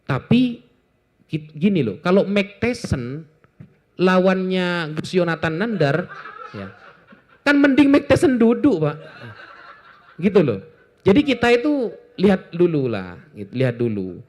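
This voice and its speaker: A man from Indonesia, talking informally to an audience in a joking, animated way with lots of asides. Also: sits high, measured pace, pauses often. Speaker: Islamic apologetics speaker.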